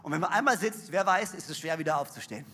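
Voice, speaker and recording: A man preaching a sermon on stage, energetic and emphatic, with rhetorical questions and a husky edge. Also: fairly high pitch, quick pace, soft background music. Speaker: pastor. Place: large church hall on stage. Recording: reverberant hall.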